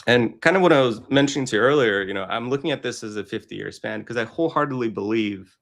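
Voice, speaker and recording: A man's voice: medium pitch, fast, creaky. A man from Brooklyn speaking as a guest in a casual conversation, in an earnest, reflective way. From Brooklyn, New York. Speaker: podcast guest.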